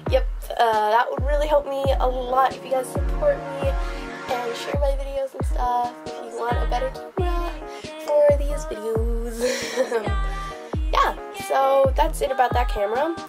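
A woman's voice: high voice, normal speed, loud music behind the voice. A young girl vlogging to camera in casual chat, chatty and giggly, with lots of fillers.

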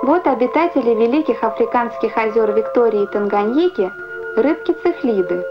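A woman reading scripted nature newsreel narration in an expressive storytelling manner. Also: a little high, moderate pace. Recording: muffled vintage film soundtrack. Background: music.

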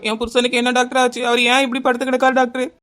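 A woman's voice: high-pitched, completely flat delivery, very fast, fairly bright tone. A woman voicing a young village wife in a cartoon comedy, with a Kanyakumari Tamil accent, pleading and insistent. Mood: wailing. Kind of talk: animated cartoon comedy dialogue.

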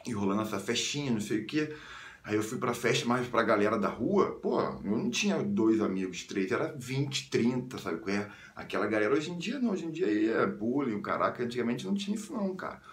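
A young man from the suburbs of Rio de Janeiro with a Carioca accent, telling a story casually in slang and jumping into high squeals when he quotes people. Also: a little fast, reverberant. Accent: Carioca Brazilian Portuguese. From Rio de Janeiro suburbs, Brazil. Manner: slangy, animated, jumps into high squeals when quoting others. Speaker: vlogger.

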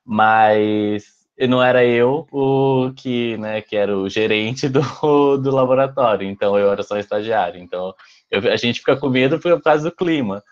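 A man's voice: medium pitch, normal speed, smooth. A young man, a former student, talking hesitantly and laughing often in a casual panel chat. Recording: dull lo-fi call audio.

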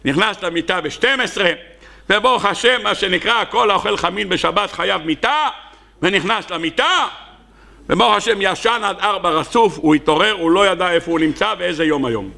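A man's voice: animated, gravelly, sharp tone. A man with an Israeli accent, a rabbi preaching a sermon and telling parables, acting out the characters in them. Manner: storytelling, acting out characters with sudden high cries. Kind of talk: Hebrew sermon with acted parables.

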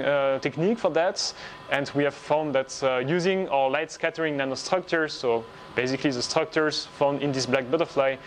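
A man in his thirties explains his research from a laboratory, pausing often as he lays out ideas step by step. His voice sits a little high for a man. A faint hum of room noise sits behind him. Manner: measured, explanatory, frequent "uh" pauses. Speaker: research group leader. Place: laboratory indoors.

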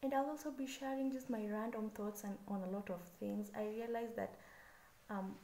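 A Kenyan-accented vlogger in her twenties introduces herself to the camera in a relaxed, chatty way, slightly nervous and using "so yeah" fillers. Her fairly high voice is mellow and soft-edged at a normal speed. The sound is reverberant, echoing in a small room with faint hiss behind it.

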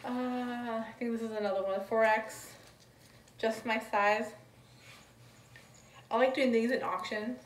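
A woman's voice: on the high side, steady tone, measured pace, long pauses, slight background noise. A woman chatting casually through a haul vlog, rambling as she describes each item one by one, recorded at home. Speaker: thrift reseller vlogger. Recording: roomy, distant mic, faint ambience.

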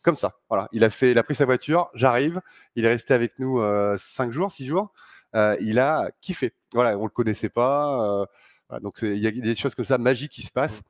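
A middle-aged man talks at an indoor conference with enthusiasm, gesturing and filling pauses as he goes. The sound is dry and close, with hardly any echo. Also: medium pitch. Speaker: founder of a sailing channel. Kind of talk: conference talk. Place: large sailing showroom, indoors.

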